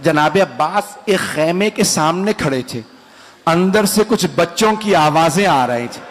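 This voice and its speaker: A man with an Indian Urdu accent reciting a mourning sermon, rising into drawn-out wailing cries and speaking directly to the gathering. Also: on the high side, expressive, a little hiss or hum. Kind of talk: Muharram majlis recitation.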